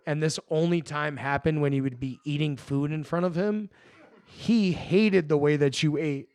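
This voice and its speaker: A man's voice: a little high, normal speed, darkish tone, clear, resonant tone, no room sound. A young man co-hosting a podcast, a little tipsy, rambling and swearing as he tells stories with bursts of laughter. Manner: rambling, profane, laughing storyteller. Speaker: podcast co-host. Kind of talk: casual chat.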